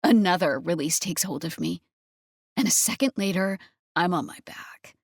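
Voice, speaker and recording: A woman narrating a first-person romance audiobook in a breathy, intimate manner. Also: lowish voice, lively intonation, normal speed, dry recording, studio quality.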